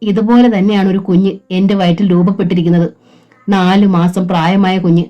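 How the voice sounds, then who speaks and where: A woman voicing a gentle young pregnant wife who pleads with her husband. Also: mid-range voice, measured pace, lo-fi sound, faint music behind, lightly acted. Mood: pleading.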